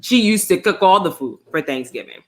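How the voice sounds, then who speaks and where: A woman with a lowish voice co-hosts a casual online show, talking briskly and easily about food as she eats. She's relaxed and chatty, speaking with her mouth full.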